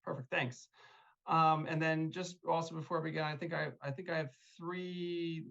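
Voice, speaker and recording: Speaking as the applicant's attorney at a zoning hearing held over video call, a man sounds polite and hesitant, full of fillers. His voice is on the high side, gravelly and fairly bright, steady at a moderate pace, and the call audio is dull and lo-fi.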